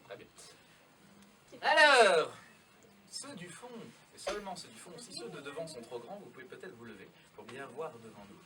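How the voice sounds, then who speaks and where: A man's voice: mid-range voice, sing-song, quick pace, hardly any pauses. A man performing as a children's party magician, playful and theatrical, coaxing young spectators with questions and instructions. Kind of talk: live magic show for children. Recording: distant live recording, children's audience audible. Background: audience of children.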